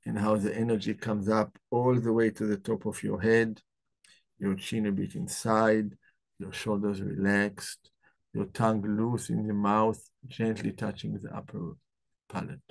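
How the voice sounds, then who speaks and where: Gravelly low-voiced man guiding meditation. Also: little pitch movement. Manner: slow, soft-spoken guiding voice. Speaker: doctor hosting a book club. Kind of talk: guided meditation; live talk.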